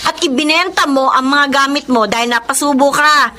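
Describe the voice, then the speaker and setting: A woman's voice: high voice, normal speed, bright, forceful tone, slight background noise. An actress playing a stern young fiancée who scolds her man reproachfully, in a radio drama. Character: young woman, a stern fiancée fed up with broken promises.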